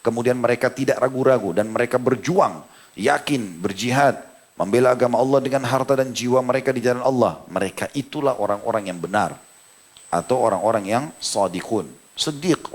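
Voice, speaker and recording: A man giving a religious study talk, telling a story dramatically and acting out the quoted speech. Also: fairly quick. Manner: dramatic storytelling with voiced quotes, pitch swinging high and low. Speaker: preacher. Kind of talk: sermon storytelling.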